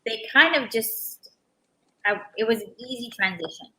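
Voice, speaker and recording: A woman's voice: a little high, animated, moderate pace, pushed and bright, poor audio. A middle-aged woman from the Bahamas, a guest in a casual interview, talking earnestly with frequent restarts.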